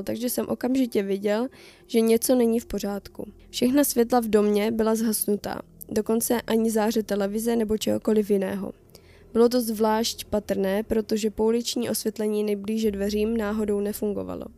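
A woman reading a translated first-person internet horror story aloud, in a steady, even storytelling manner. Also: medium pitch, no room sound. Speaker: reader of horror stories.

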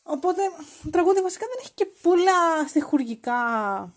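High-voiced playful woman podcaster. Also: very animated. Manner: playful and teasing, acts out quoted lines. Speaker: podcast host. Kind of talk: casual podcast commentary.

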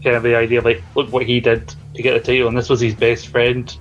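A man chats as a panelist on a casual podcast, loose and conversational. His mid-pitched voice stays quite flat, with music underneath. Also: fast, dull audio. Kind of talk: casual wrestling opinion chat.

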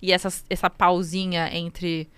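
A young woman, a new mother, telling her story casually in an interview, emotional and animated, acting out what she said to herself. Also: fairly low pitch, a little slow, clean tone, dry recording. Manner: emotional, animated storytelling with quoted inner speech.

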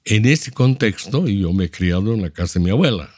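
A very low-pitched man in his seventies speaks with a Bolivian Spanish accent. He explains things at length in a measured, lecturing manner. The recording is close and dry. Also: lively intonation, darkish tone, breathy edge, no room sound. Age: 70s. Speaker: interview guest, architect. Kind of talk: reflective storytelling.

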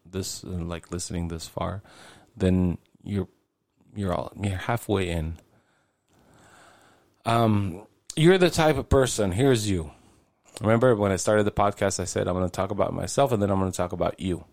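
A man in his late forties talks straight to his listeners on a solo podcast, rambling and swearing as it comes. His voice sits very low and has a gravelly fry, and it is recorded close and dry. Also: a little mellow, no room sound. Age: 40s. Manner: rambling, conversational, swears casually. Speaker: podcast host. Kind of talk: casual solo podcast monologue.

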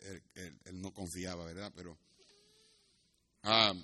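Deep, steady, and slow, this man's voice is bright and forceful, with a little hiss or hum in the audio. He's a pastor from Puerto Rico, accent included, teaching scripture and telling personal stories didactically in a sermon, with occasional asides in English.

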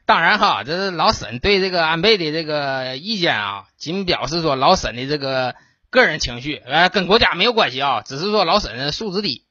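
A man's voice: a little high, expressive, fairly quick, sharp tone, no room sound, muffled recording. A man with a Northeastern Mandarin accent hosting a casual podcast monologue, blunt and joking, swearing freely. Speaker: podcast host.

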